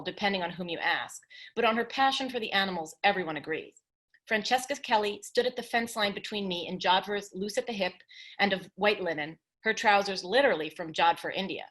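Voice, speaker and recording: A woman author reading an excerpt of her nonfiction book aloud in a measured literary manner, with brief casual asides, over a video call. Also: medium pitch, a bit bright.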